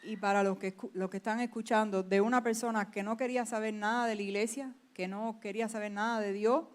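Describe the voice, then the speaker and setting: A woman's voice: mid-range voice, fairly even intonation, fast. A woman giving her church testimony in a fervent way, often answering with amens. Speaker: church servant leader, guest.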